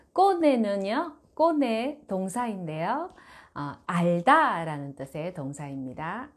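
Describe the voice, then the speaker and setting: A woman teaching a lesson at an unhurried pace, her pitch rising and falling in a lively, animated way. She explains patiently and sounds out the French phrases slowly and clearly.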